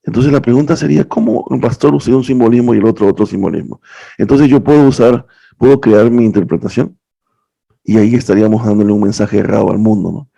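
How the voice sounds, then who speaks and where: A young man with a warm, gravelly, mid-range voice speaks quickly while teaching a class on how to interpret the Bible. He is earnest and explanatory, often checking in with his listeners through rhetorical questions. The audio sounds dull.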